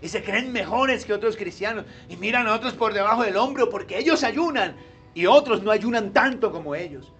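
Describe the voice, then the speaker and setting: Emphatic high-voiced male pastor. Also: expressive, brisk, faint music behind. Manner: emphatic, swings between loud stress and quiet asides. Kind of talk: sermon.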